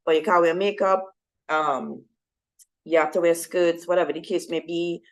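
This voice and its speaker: A woman's voice: lowish voice, steady tone, moderate pace, poor audio. A young adult woman telling her personal faith story to a women's group, conversational and often checking in with her listeners. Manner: conversational, with frequent fillers and "right?". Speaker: speaker at a women's ministry talk. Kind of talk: personal testimony to a women's audience.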